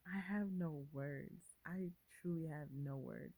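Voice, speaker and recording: A woman's voice: deep voice, slow, gravelly, mellow, rough recording. Giddy, gushing woman vlogger. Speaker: channel host, author. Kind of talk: casual vlog chat.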